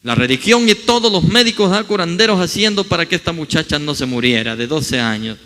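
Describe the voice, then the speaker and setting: A man's voice: on the high side, expressive, a little fast, pushed and bright. A male pastor preaching a sermon in a church hall, swinging his voice wide as he acts out scripture quotes.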